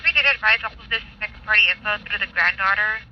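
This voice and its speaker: Fast, high male voice over police radio. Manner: terse, code-laden, matter-of-fact. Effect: heard over a police radio scanner. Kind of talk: clipped radio dispatch calls. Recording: lo-fi police radio with loud static.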